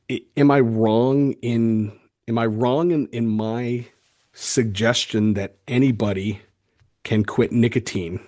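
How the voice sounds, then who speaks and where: A man with a lowish, darkish voice hosts a solo podcast, fired up and speaking earnestly and emphatically. He often stammers and restarts his sentences.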